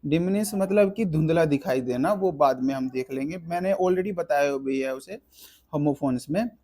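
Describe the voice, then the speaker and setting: A man teaching a vocabulary lesson, explaining slowly with spelled-out words and memory tricks. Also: fairly high pitch, warm tone.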